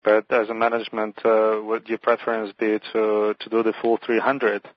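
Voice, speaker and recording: A man's voice: on the low side, monotone, moderate pace, no room sound. A man calling in over a phone line that breaks up, asking an analyst's question on an earnings call in a hesitant way, full of fillers and restarts. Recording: dull, dry phone line.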